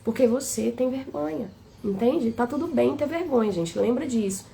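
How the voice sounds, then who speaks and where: A woman's voice: on the high side, moderate pace, gravelly, mellow, slight background noise. A woman with a Brazilian Portuguese accent giving a tender, flowing spiritual talk on a live stream, often asking "né?".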